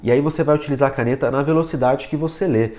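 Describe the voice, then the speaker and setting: A man's voice: mid-range voice, very fast, darkish tone. A man giving a casual video lesson on reading, talking straight to the viewer and demonstrating with a book and pen. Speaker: reading coach.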